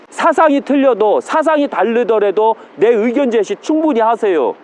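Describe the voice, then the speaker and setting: A man in a casual vlog, lecturing and scolding commenters in a preachy way, sometimes dropping to a deliberately low register. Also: darkish tone. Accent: regional Korean dialect, usually. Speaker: YouTuber pharmacist-mystic. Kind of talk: casual vlog talk to camera. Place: outdoors and inside a police station.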